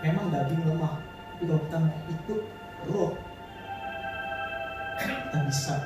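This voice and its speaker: A male pastor delivers a sermon in loose everyday slang, swelling into fervent appeals. His voice sits high and carries from a distance through a big echoing church hall. Soft music plays underneath. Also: measured pace. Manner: colloquial Jakarta-style slang, rising to fervent exhortation. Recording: echoey hall from far off, music behind.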